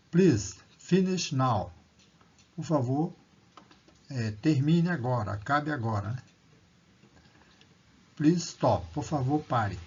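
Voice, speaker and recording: A man teaches beginner English at an unhurried pace. His voice is slightly husky. He reads each phrase aloud, then translates and explains it. The recording sounds dull and lo-fi. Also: mid-range voice, darkish tone. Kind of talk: slow classroom explanation.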